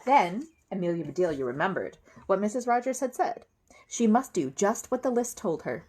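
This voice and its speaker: A woman reading children's books aloud in an expressive way and chatting to listeners about the pages and pictures. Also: mid-range voice, normal speed, slightly rough. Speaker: reader of children's books for an online series. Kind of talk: animated read-aloud storytelling with comments to viewers.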